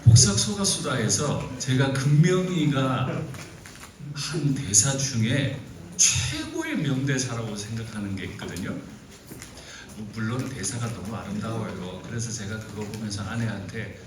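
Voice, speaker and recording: Speaking unhurriedly in a mid-range voice, a middle-aged man delivers a youth retreat sermon, his animated storytelling rising into exasperated outbursts. The pastor sounds distant in the big, echoey church hall, with background noise around him.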